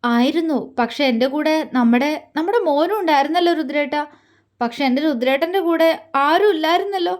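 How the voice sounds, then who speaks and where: A woman voicing a tearful young wife in an audio love story, speaking in a halting, trembling way. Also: sits high, close to an everyday voice. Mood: emotional. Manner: tremulous, halting, emotional.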